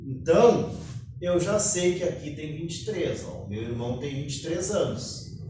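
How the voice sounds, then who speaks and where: A man's voice: fairly high pitch, expressive, moderate pace, mellow, a little hiss or hum. A male math teacher with a Brazilian Portuguese accent, giving a classroom lecture and explaining each step with a short cough now and then. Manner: explains step by step, keeps saying "ó". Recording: very echoey room, mic far off.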